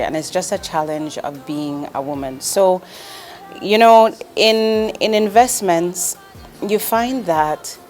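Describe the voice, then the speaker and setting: In a fairly low, slightly mellow voice, a woman in her forties from Jamaica talks as an investment executive. Her interview answers are candid, earnest and direct, broken up by ums and restarts.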